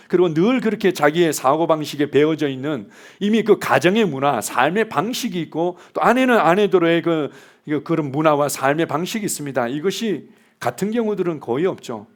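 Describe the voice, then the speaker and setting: A man's voice: on the high side, lively intonation, brisk. A middle-aged man preaching a sermon in a conversational way, acting out what spouses say to each other. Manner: conversational preaching, acts out spouses' lines in quotes. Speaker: pastor.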